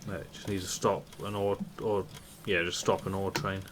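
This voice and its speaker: A man's voice: low voice, little pitch movement, normal speed, a bit bright. A man streaming a multiplayer game with casual commentary, upbeat when he thanks viewers. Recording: clear background noise.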